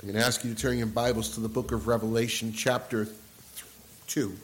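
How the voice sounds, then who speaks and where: A male pastor with a congested, nasal voice from allergies, preaching a sermon, reading scripture and leading prayer in an earnest, measured way. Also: mid-range voice, little pitch movement, a little hiss or hum, low-quality recording.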